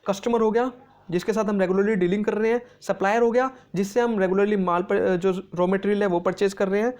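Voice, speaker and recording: A man teaching an exam-prep lesson, mixing English terms into his explanations, often checking in with "okay" and reading English definitions out slowly. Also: high-pitched, fairly even intonation, darkish tone. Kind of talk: explanatory lecture.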